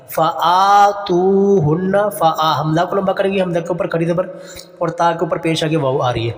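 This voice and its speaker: Man teaching recitation, slow and chanting. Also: a little high, long reverb tail. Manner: slow chanted recitation alternating with quick explanations. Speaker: Quran teacher. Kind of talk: recitation lesson.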